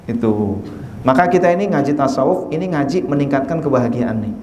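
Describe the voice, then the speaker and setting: A man's voice: medium pitch, animated, fairly quick, darkish tone, a little hiss or hum. A man giving a chatty sermon at a study gathering, joking and acting out little dialogues. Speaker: preacher. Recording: echoey hall from far off.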